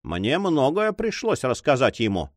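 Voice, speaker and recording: A man's voice: mid-range voice, wildly swooping pitch, unhurried, no room sound, clean studio sound. A man reading aloud, voicing a respectful, eager male messenger addressing a lady. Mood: earnest.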